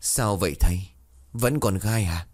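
A man's voice: on the low side, measured pace, a little mellow, no echo, studio quality. A man voicing a cheeky young male apprentice who talks urgently. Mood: puzzled. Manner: urgent, pleading.

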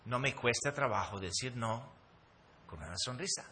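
A man's voice: medium pitch, animated, moderate pace, pushed and bright, slight background noise. A middle-aged man, preaching a sermon emphatically with frequent hesitations. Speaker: pastor.

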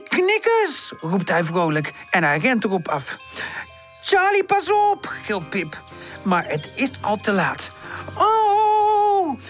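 A woman narrating a children's storybook in a gentle, expressive way. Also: medium pitch. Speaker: audiobook narrator.

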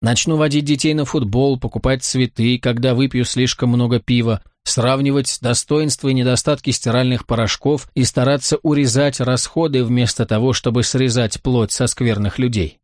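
A man narrating a first-person audiobook in a dry, ironic, measured way. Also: medium pitch, steady tone, no room sound.

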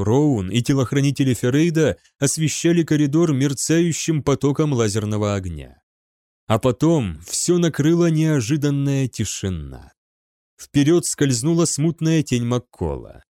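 A man narrates an audiobook, reading a script in an even, measured storytelling style. His pitch sits in the middle range, and the recording is clean studio sound with no room noise.

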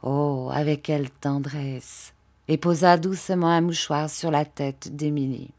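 A woman narrating a classic novel as an audiobook, in a measured and expressive way. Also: deep voice.

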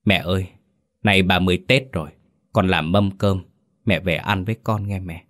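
A man's voice: deep voice, moderate pace, fairly bright tone, no echo, clean studio sound. A man voicing a grieving grown son who speaks tenderly to his dead mother in a story.

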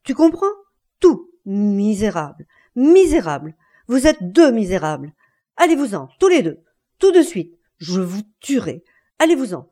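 A woman voicing a furious betrayed husband who stammers and shouts. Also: medium pitch, very animated, measured pace. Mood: enraged.

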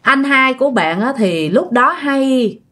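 Lively woman storyteller. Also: sits high, slow. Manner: chatty, expressive, addresses listeners directly. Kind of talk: casual ghost story narration.

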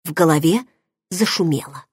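A woman narrating a first-person audiobook in an expressive, dramatic way, recorded close to the mic. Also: lowish voice, normal speed, husky, no room sound.

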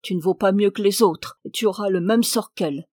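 A woman's voice: mid-range voice, brisk, darkish tone, no room sound, studio quality, natural voice. A woman voicing a cruel prince who angrily accuses his young wife. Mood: furieux. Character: cruel prince, a murderous husband.

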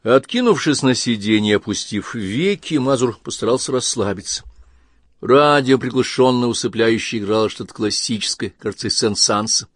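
A man narrating an audiobook in an even, wry storytelling manner. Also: medium pitch, moderate pace, no room sound, clean studio sound.

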